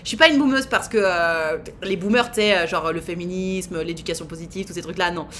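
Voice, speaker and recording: A woman's voice: on the low side, fairly quick, fairly bright tone, a little hiss or hum. A woman in her thirties hosting a live stream, chatting casually in a teasing way with lots of fillers. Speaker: streamer host.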